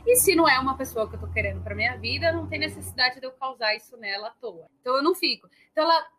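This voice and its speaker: A chatty woman with a Brazilian Portuguese accent, telling stories in a relaxed conversation. Her voice sits a little high and she laughs easily between anecdotes. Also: racing, slight background noise. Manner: lively storyteller, laughs often. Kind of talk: casual chat.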